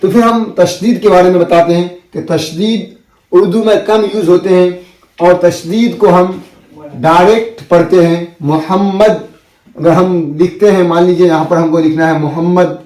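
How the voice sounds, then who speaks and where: A man teaching a basic script lesson, explaining patiently and repeating each point with drawn-out letter sounds. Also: high-pitched, fairly even intonation, a little mellow, echoey room, poor audio. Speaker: Urdu teacher.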